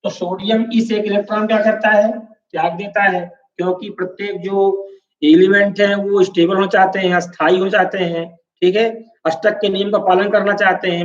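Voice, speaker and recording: Male chemistry teacher, lecturing step by step with constant check-ins; high voice, roomy echo. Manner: explains step by step, checking in with "है ना" and "ठीक है"; asks the class questions and answers them himself. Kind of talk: classroom lecture. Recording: echoey room, distant mic, dull lo-fi sound.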